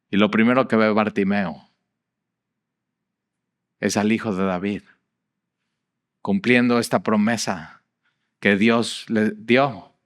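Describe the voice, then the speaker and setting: A middle-aged man with a Mexican accent preaching a sermon in a conversational, animated storytelling way, with frequent fillers. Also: on the low side. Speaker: pastor.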